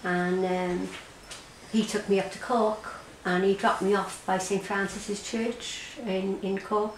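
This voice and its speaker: An Irish woman recounting her own experience in an interview, halting and repeating herself as she speaks. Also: mid-range voice, little pitch movement. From Ireland. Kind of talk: personal testimony in an interview. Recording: roomy echo, faint background noise.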